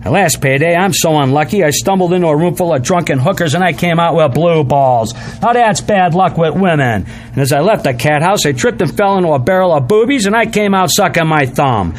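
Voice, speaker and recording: A man's voice: fairly high pitch, a little hiss or hum. Brash older male stand-up comic. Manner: brash punchy joke delivery. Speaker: stand-up comedian. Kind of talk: stand-up routine then casual explanation.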